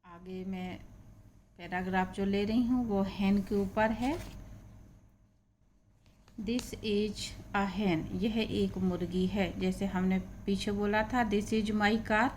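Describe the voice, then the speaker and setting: Woman teacher, slow and patient, repeats each word, faint background noise. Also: mid-range voice, fairly even intonation, a little mellow. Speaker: English teacher. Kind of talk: reading lesson.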